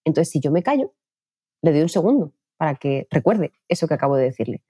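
Brief: lower-voiced woman, communication coach, quick explanatory delivery, dry close sound. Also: big pitch swings, mellow, breathy edge, dry recording. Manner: fast-talking, explanatory. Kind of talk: interview answers.

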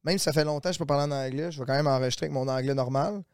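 A man's voice: fairly high pitch, very fast, clear, resonant tone, no echo, clean studio sound. A Québécois man with a Québécois accent, explaining earnestly with many restarts in a casual podcast chat. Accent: Québécois French.

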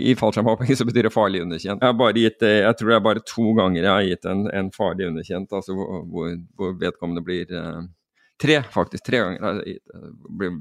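Gravelly Norwegian man telling a story. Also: deep voice, no room sound, studio quality. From Norway. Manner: animated, many restarts and fillers. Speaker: podcast guest telling a skydiving story. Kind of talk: casual storytelling.

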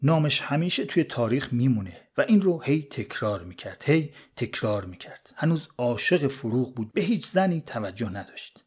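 A man with a husky, slightly breathy voice tells a life story as a podcast host. His narration is casual and colloquial and sits at an ordinary male pitch. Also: sing-song, few pauses, darkish tone.

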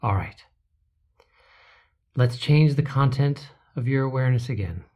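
Slow soft guide voice for a relaxation session, breathy, trails off into whispers. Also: medium pitch, animated.

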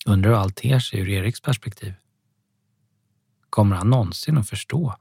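Husky low-voiced male narrator. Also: darkish tone, no room sound, clean studio sound. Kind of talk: scripted audiobook narration.

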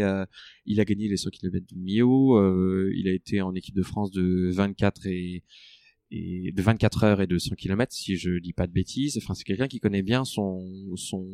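Mec qui parle de son entraînement, un peu grave, plein de euh, son sec. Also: male voice, sits low, mellow, dry recording, studio quality. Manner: hesitant, many fillers and restarts. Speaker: ultra-trail runner guest. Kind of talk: conversational interview.

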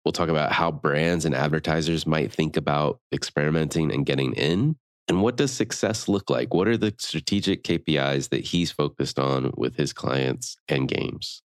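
A man hosting a marketing podcast, reading sponsor ads and introducing his guest in a smooth, practiced way. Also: rumbling low, no echo, clean studio sound. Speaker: podcast host. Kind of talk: podcast ad reads and interview.

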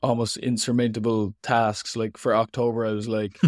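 An Irish man speaks in a casual interview as a writer, reflecting informally and wandering from thought to thought. His voice sits a little low and moves very little in pitch. The sound is close and dry, with no room around it. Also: level tone, normal speed, no room sound. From Ireland.

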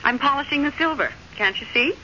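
An actress playing a prim, stubborn American wife in an old-time radio drama, clipped, chiding and quick to take offence. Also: female voice, high voice, expressive, sharp tone. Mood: brisk, impatient. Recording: muffled, noisy old radio recording.

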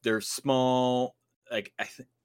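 A man's voice: medium pitch, flat delivery, slow pace, smooth. A man co-hosting a podcast, chatting casually and rambling with lots of fillers and restarts. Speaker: podcast co-host. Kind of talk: casual chat.

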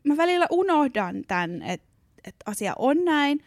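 A young woman chatting on a podcast, her voice sitting a little high. She rambles casually through filler words and drops a swear word now and then. The sound is dry and close, with no room around it. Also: big pitch swings, no room sound. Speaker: podcast co-host. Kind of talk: casual chat.

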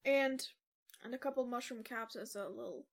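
High-pitched woman at a tabletop game, hesitant wry delivery. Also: normal speed, creaky. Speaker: player. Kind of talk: casual tabletop play.

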